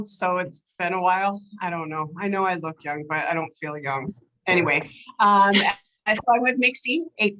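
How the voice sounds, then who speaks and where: A woman in her forties talks as a guest on a podcast, chatty and upbeat with a self-deprecating touch. Her voice is bright and a little low-pitched. The sound is dull and lo-fi. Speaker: podcast guest, sales executive. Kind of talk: casual interview talk.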